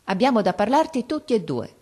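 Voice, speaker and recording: A woman's voice: on the high side, very animated, a little fast, darkish tone, breathy edge, voice pushed up. A woman reading aloud and voicing a resolute, loving young girl who pleads earnestly and insistently.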